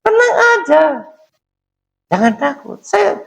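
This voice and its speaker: A man voicing a gentle mother who soothes her frightened little son with repeated coaxing reassurances. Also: very high-pitched, sing-song, takes it slowly, gravelly, voice pushed up, heavily acted. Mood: soothing.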